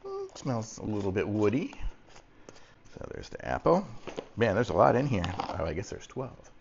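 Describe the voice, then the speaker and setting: A man's voice: lowish voice, huge pitch swings, normal speed, gravelly, darkish tone. A man from Texas talking in an easygoing, folksy, rambling way through a casual unboxing review. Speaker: product reviewer. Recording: muffled audio with faint background noise.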